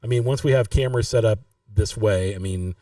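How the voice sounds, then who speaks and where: A man's voice: fairly low pitch, a little fast, mellow, dry recording, recorded from a distance. A man hosting a casual live-stream podcast, rambling and restarting his sentences. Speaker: podcast host.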